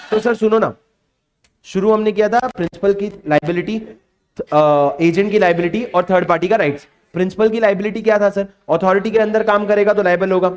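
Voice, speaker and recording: A man with a high, smooth voice and an Indian English accent runs an exam revision lecture. He keeps coaxing his class, asking questions again and again and pushing them to answer. His voice sounds clean and resonant. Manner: coaxing, repeats questions to students. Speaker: teacher.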